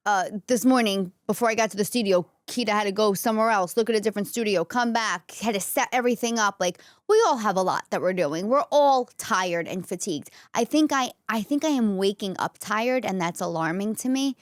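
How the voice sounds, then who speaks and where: A woman's voice: medium pitch, lively intonation, brisk, hardly any pauses, dry recording, clean studio sound. A woman, hosting a podcast and talking casually and candidly straight to her listeners. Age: 40s. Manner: candid, conversational, addresses listeners directly. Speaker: podcast host. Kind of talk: casual solo talk to audience. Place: indoor podcast studio.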